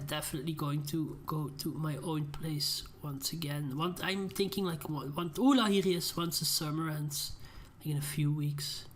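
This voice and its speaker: A young man giving casual gameplay commentary, rambling into ranting asides. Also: fairly high pitch. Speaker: gaming channel host.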